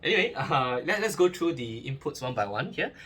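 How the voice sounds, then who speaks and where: A man's voice: a little high, big pitch swings, brisk, pushed and bright. A young man talks casually through an unboxing review, chatty, with many fillers, restarts and joking asides. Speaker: gear reviewer.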